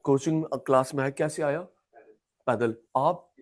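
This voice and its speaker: A man's voice: medium pitch, a little slow. A man teaching an economics class, chatty and repetitive, calling students by name. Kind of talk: classroom lecture.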